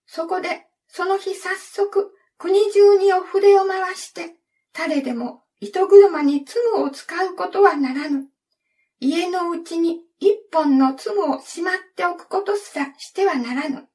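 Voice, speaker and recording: A woman storyteller reading a fairy tale aloud in a gentle, measured way, recorded from a distance. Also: very high voice. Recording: distant from the mic.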